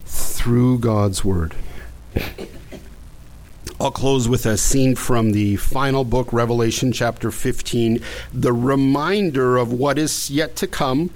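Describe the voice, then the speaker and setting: A man's voice: mid-range voice, takes it slowly, poor audio. A man preaching a sermon as pastor, earnest, often stumbling and repeating the first words of his sentences.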